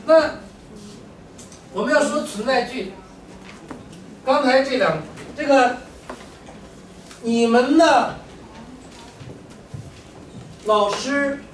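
A man teaching a classroom language lesson, joking and animated with his students. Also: very high-pitched, takes it slowly, pauses often. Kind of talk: classroom lecture. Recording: echoey room, mic far off, faint room noise.

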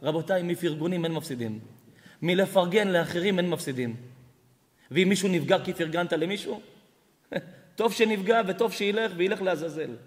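Man, rabbi, colloquial sermon, high voice, impassioned storytelling, long hall reverb. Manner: impassioned, acts out quoted dialogue, rising to rebuke. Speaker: rabbi giving a lecture. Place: synagogue or hall before an audience.

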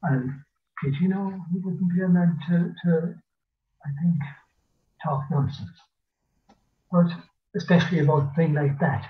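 A thin, phone-like video call carries an older man with a rural west of Ireland accent. His voice sits fairly high for a man. He tells folk tales in a lilting, rambling storyteller's way, circling back on phrases and pausing. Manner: lilting, rambling Irish storyteller with repetitions and pauses. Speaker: folklorist and storyteller. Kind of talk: oral folk storytelling in casual speech. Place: small dim room at home, indoors. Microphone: computer mic on a video call.

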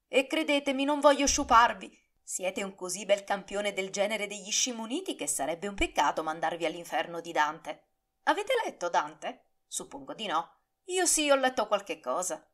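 A woman's voice: medium pitch, animated, normal speed, lightly acted. A cocky young swordsman who mocks his rival with cheerful, ironic courtesy, as a woman puts him on in an audiobook. His voice jumps upward with taunting flourishes. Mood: mocking. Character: mocking, swaggering young male swordsman. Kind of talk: audiobook character reading.

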